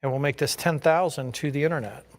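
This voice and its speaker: A man's voice: on the high side, fast. A man working as an auctioneer, calling bids in a repetitive chant of numbers and increments.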